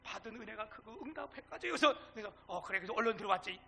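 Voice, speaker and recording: Male pastor, middle-aged, animated sermon delivery; gravelly, very bright tone. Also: high-pitched, very fast. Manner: animated, swings between loud and hushed; acts out quoted dialogue.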